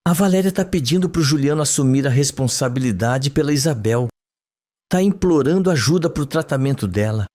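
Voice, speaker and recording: Man reading as a young woman under hypnosis, dreamy, trembling, lively pitch. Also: fairly quick, natural voice. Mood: tense. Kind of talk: read-aloud soap recap.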